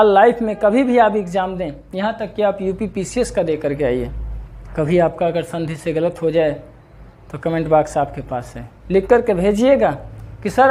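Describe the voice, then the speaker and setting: A man teaching an exam-prep grammar lesson, lively and repeating questions to his students. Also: high-pitched. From India.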